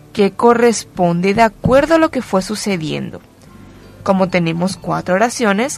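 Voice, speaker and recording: Woman teacher explaining slowly. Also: medium pitch, creaky. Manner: slow, emphatic explaining. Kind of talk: recorded classroom lesson.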